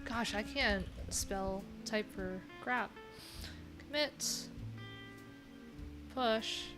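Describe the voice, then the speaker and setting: This live-stream host, a woman in her thirties who develops websites, codes casually on stream in an indoor room, joking and thinking aloud in fragments. Her mid-range voice draws out its words, with guitar music in the background.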